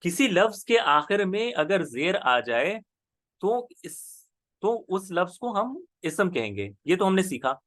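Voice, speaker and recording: A man with a high, animated voice leads students through grammar online, his pitch rising and falling without restraint. Slow and patient, he repeats each term for clarity; the recording is close and dry, without any room sound.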